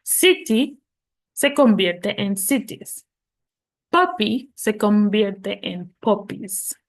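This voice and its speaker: Slow, patient woman teaching English plurals. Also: medium pitch, very animated. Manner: patient, spells out letters, models English words slowly. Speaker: English teacher for Spanish speakers. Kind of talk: explaining plural noun rules.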